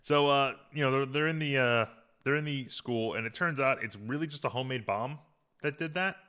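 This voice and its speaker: A man's voice: medium pitch, brisk, sharp tone, clean tone. A man hosting a podcast, casually recapping an episode with rambling restarts and fillers. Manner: rambling, many restarts and fillers, reads out quotes. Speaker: podcast host.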